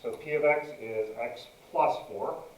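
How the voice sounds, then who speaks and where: A man's voice: medium pitch, unhurried, echoey room, a little hiss or hum, poor audio. A man teaching a math lesson, dictating each entry step by step as he narrates a calculator demonstration.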